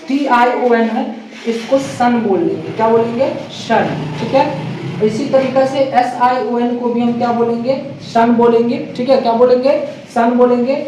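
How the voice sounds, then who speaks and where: A woman's voice: a little high, mellow, heavy reverb. Woman, English teacher, pronunciation lesson, repeats and quizzes, distant mic, faint hiss. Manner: repeats each word and quizzes the viewer back; mixes English phrases into her explanation.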